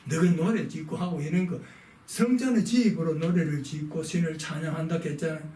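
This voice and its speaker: A man's voice: a little high, brisk, mellow. A man reading a text aloud and explaining it in a lesson, asking his listeners rhetorical questions and moving on with short prompts. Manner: rhetorical questions, frequent "자" to move on. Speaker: lecturer on philosophy. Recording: echoey room, mic at a distance.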